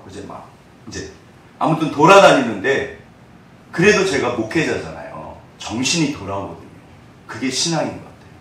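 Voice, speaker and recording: A man in his forties preaching a sermon, telling personal stories in an animated way that swings between loud and hushed. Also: mid-range voice, fairly quick. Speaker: pastor. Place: church sanctuary. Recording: echoey church hall, distant mic.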